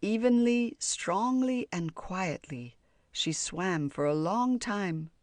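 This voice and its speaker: A woman narrating a children's fairy tale audiobook in a calm, measured storybook voice. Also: mid-range voice, dry recording.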